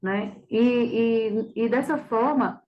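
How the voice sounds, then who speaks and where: A woman's voice: fairly high pitch, takes it slowly, highs cut off. A woman teacher going over a practice exam, explaining grammar in a didactic way and often checking that students follow. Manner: didactic, with frequent checking questions. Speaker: Portuguese teacher.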